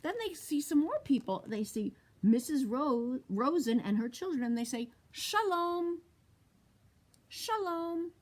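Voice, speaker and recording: A woman's voice: fairly high pitch, normal speed, few pauses. A woman librarian reading a picture book aloud to young children, asking them questions as she goes. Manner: animated, asks children questions. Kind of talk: storytime read-aloud.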